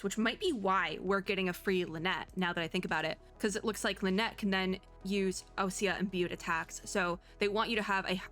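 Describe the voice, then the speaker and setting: A young streamer gives offhand, slangy commentary on game previews, wandering and thinking out loud. Her voice is mid-range with a slight brightness, and a music bed runs beneath it.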